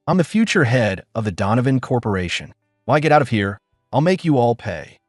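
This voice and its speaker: Man playing a swindler, arrogant, shrill, frantic, lively pitch, dry sound. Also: a little fast, dry recording, soft background music. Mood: raging. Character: arrogant male swindler, ranting and shrieking.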